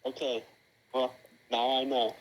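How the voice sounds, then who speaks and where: A man's voice: medium pitch, little pitch movement, a little slow, poor audio. A man calling in over a speakerphone, talking in an easygoing, polite and slightly puzzled way. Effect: heard over a speakerphone. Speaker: friend calling in. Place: at his parents' house.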